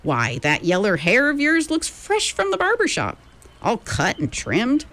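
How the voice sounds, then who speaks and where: A woman's voice: a little high, huge pitch swings, measured pace, a bit bright, voice pushed up, exaggerated voice. A woman reading an audiobook, voicing a talkative, eccentric male gold miner with a drawling frontier dialect. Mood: genial. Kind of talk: audiobook character voice.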